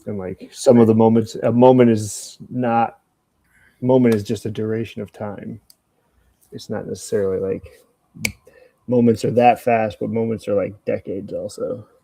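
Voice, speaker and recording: An older man chatting casually on a podcast, wandering from idea to story. His voice is gravelly and husky, low and dark, and it sits close and dry on the mic. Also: flat delivery, normal speed, no room sound. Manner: rambling, swears freely, acts out both sides of a story. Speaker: podcast co-host. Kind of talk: casual chat.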